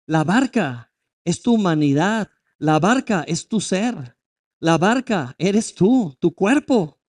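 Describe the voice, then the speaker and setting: A man's voice: high-pitched, animated, slow. A male pastor preaching a sermon, emphatic and full of rhetorical questions.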